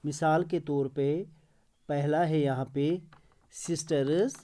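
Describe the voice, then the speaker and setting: A man's voice: fairly high pitch, steady tone, extremely slow, dark tone. A male teacher explaining a classroom lesson, repeating words and spelling them out letter by letter, praising students in passing.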